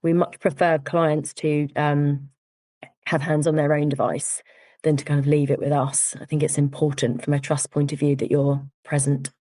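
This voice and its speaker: A woman, a firm founder, explaining things in a measured way on a podcast with frequent "um" and "you know". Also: sits low, little pitch movement, mellow, dry recording. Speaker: cyber security firm founder, guest. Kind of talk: podcast interview.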